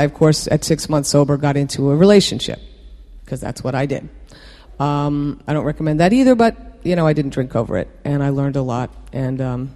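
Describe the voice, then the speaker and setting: A man sharing his own recovery story with a meeting. He talks candidly and mocks himself, stopping and restarting often, his voice sitting a little higher than most men's. The sound rings with the long reverb of a meeting hall. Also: warm tone. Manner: candid, self-deprecating, halting with many fillers.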